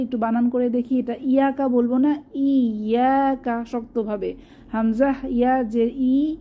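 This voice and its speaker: A woman teaching Quran recitation step by step, stretching out each recited word slowly before explaining it. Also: on the high side, narrow, tinny audio. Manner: slow, drawn-out demonstration of recited words between explanations.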